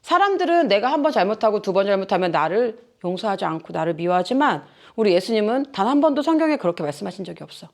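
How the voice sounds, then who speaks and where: Woman preacher, chatty and animated, keeps asking the congregation questions. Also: medium pitch, fast. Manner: lively, questioning the audience, plain speech. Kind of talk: casual sermon to children and youth.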